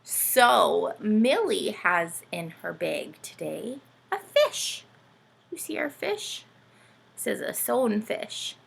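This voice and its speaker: Speaking slowly in a creaky, mid-range voice, a woman leads a children's read-aloud alongside her puppet sidekick, with a little hiss or hum in the audio. She's animated and playful, constantly asking the young audience questions.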